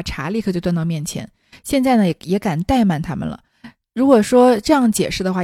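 A woman's voice: medium pitch, dark tone, no echo, studio quality. A woman reading a classic novel aloud and explaining it in conversational asides. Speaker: storyteller.

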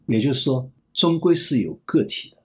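思路绕来绕去的男嘉宾. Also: male voice, medium pitch, expressive, normal speed. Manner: rambling, repeats phrases while reasoning aloud. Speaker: banking expert guest. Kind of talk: thoughtful interview answers.

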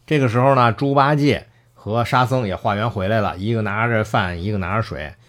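A man's voice: lowish voice, fairly quick, fairly bright tone. A man casually retelling a classic story, acting out the characters' lines and laughing often.

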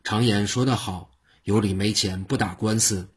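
Guy narrating as a cheeky odd monk, low husky voice, teasing and bragging. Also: steady tone, normal speed. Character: eccentric, mischievous wandering monk.

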